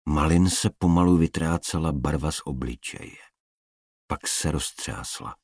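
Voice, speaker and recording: A man narrating an audiobook in a measured, dramatic reading style. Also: very deep voice, darkish tone, husky, no echo, clean studio sound.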